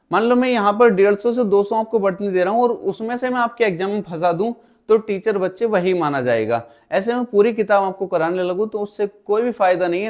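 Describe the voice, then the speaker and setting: A man's voice: high voice, a little mellow. A male teacher giving an exam-prep spelling lesson, steadily explaining and calling his students "kids" again and again.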